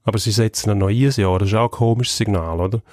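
A man's voice: fairly low pitch, fast talker, a little mellow, no room sound, clean studio sound. A man with a Swiss German accent giving blunt, scornful opinions on hockey in a casual chat. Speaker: hockey pundit.

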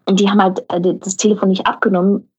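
A young adult woman, an actress, telling a lively anecdote and acting out the voices of the people in it. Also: fast talker, breathy edge, poor audio. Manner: acts out voices of others in her story, often rising high. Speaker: actress and guest.

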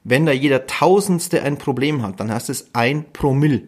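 A man co-hosting a casual podcast, explaining his view calmly and working through examples. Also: mid-range voice, moderate pace, slightly rough. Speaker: podcast co-host. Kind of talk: casual chat.

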